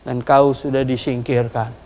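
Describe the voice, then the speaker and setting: A preacher voicing a stern old male prophet delivering a slow, solemn judgment. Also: mid-range voice, flat delivery, a little mellow, in a large hall, slight background noise, voice pushed down, close to an everyday voice.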